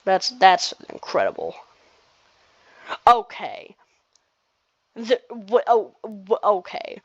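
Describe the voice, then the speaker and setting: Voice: medium pitch, big pitch swings, slow pace, dry recording, dull audio. A gamer giving casual gameplay commentary, rambling and restarting sentences with nervous laughs.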